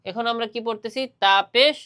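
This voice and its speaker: A male Quran teacher, giving an online lesson with slow, patient drilling of letter sounds and louder repeated examples. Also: high-pitched, smooth.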